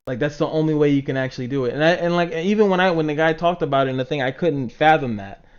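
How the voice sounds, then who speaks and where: His voice sits on the high side, clear and resonant, and he talks fast. He's a man hosting a livestream, rambling to chat in a casual, sweary way and acting out reactions, though the recording comes through dull and lo-fi.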